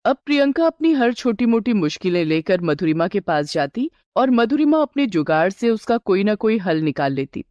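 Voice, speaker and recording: A woman narrating a moral story in a steady, clear storytelling manner. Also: mid-range voice, normal speed, few pauses, no room sound, muffled recording.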